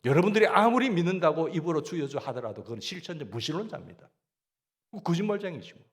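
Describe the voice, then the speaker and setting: A man's voice: a little high, big pitch swings, fast. A man with a Gyeongsang Korean accent preaching a sermon as pastor, asking the congregation questions and answering them himself.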